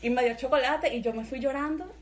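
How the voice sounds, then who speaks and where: A young woman tells a school story in casual podcast chat, animated and laughing. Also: sits high, brisk, background noise. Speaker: podcast co-host.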